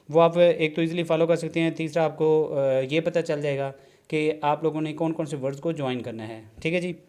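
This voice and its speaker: A man's voice: a little high, darkish tone, clear, resonant tone. A man teaching a shorthand lesson on video, explaining step by step, checking in often with a short "okay" and mixing English terms into his talk. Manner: explanatory, repeats "theek hai ji", mixes English terms into Urdu. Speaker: shorthand instructor. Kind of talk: classroom-style video lesson.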